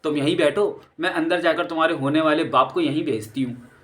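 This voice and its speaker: A woman's voice: low voice, a little fast, lightly acted. A man voicing a shrewd, scheming village woman who talks in a sweetly false, coaxing way for a storybook audio drama.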